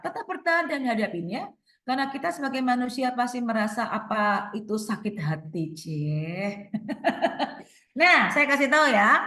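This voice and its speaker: Her voice high, bright and pushed, a workshop speaker responds to audience questions in a webinar advice talk. She makes her points through everyday examples and rhetorical questions, and the recording has echoey room sound.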